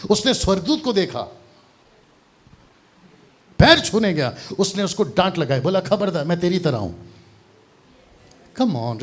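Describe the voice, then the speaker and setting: A man preaching a lively sermon at a church seminar, teasing and quizzing the crowd and mixing English words into his Hindi. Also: on the high side. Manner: animated, teasing, asks the crowd questions.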